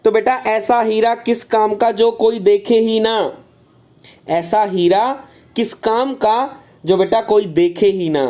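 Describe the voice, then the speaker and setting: A man's voice: sits high, steady tone, slow pace, warm tone. A man teaching a live online engineering class. He speaks in a fatherly way, calls his students "beta", repeats his phrases and answers chat comments aloud. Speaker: engineering exam tutor.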